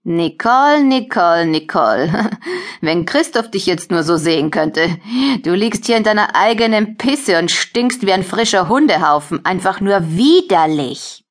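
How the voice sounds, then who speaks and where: A woman's voice: medium pitch, lively intonation, moderate pace, natural voice. A woman voicing a cruel, mocking pregnant young woman who holds another woman captive, in an audiobook. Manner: mocking, contemptuous. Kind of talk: audiobook character voice.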